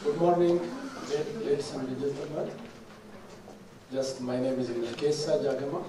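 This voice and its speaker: A middle-aged man from Ethiopia with an Ethiopian accent, giving a conference presentation in a halting way, full of fillers and restarts. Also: medium pitch, background noise. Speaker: government delegate speaker. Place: large conference hall. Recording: echoey hall, distant mic.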